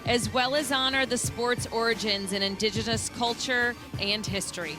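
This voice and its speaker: Analyst woman, bright-leaning high voice, energetic color commentary over music. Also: normal speed. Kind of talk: live sports commentary.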